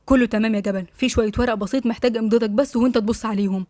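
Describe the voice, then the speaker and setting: A woman's voice: fairly high pitch, steady tone, warm tone, no echo, studio quality, lightly acted. A woman voicing an agitated young man with an Egyptian accent. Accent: Egyptian Arabic. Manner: agitated, quick. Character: hot-headed young man, younger brother.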